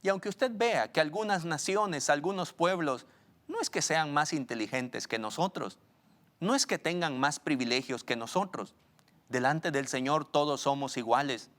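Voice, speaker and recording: Brief: male pastor, fairly high voice, preaching with rising emphasis and slowed scripture reading. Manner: preaching, swells loud and high on questions, slows for scripture. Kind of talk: sermon.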